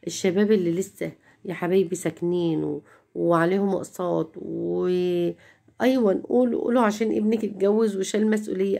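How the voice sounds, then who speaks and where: Middle-aged woman, Egyptian accent, home vlog chatter, rapid speech, mellow dark tone. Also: medium pitch, gravelly. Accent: Egyptian Arabic. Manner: complaining, repeats herself, talks straight to viewers. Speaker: home vlogger.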